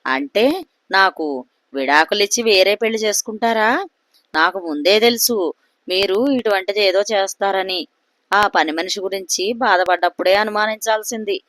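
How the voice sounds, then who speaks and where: A jealous, sharp-tongued wife from a spoken family story, read by a woman narrator. She scolds in a snappish, raised voice. The sound is close and dry. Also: mid-range voice, moderate pace, dry recording, natural voice. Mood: wailing.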